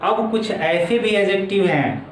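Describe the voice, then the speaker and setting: A man teaching English grammar in a video lesson, going slowly step by step and repeating each word form. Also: high-pitched, expressive. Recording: echoey room with faint background noise.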